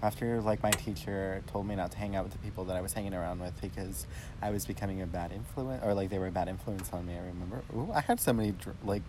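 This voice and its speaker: A young man with a fairly low voice chats on a casual podcast. He rambles through his stories and packs them with fillers and restarts. Steady noise sits under the recording. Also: fast. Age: young adult. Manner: rambling, filler-heavy storytelling. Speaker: podcast co-host. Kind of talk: casual chat.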